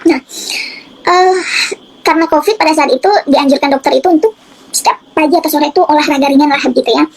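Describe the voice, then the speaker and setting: Woman, high and gravelly voice, fast and earnest personal testimony, halting with restarts. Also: a little hiss or hum, low-quality recording. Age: adult. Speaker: testimony giver.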